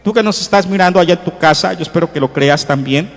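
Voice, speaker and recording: Earnest male pastor, slightly high voice, full of "este" fillers, echoing through a church hall. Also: fast. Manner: earnest, repeats key phrases, many fillers like "este". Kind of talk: sermon. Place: church sanctuary, streamed to viewers at home.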